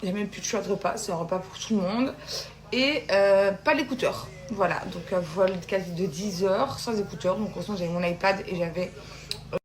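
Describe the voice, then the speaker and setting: A woman's voice: mid-range voice, fairly quick. Chatty woman vlogger with a slight lisp. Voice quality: slight lisp, slushy s sounds from a sore tongue. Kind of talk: casual chat to followers.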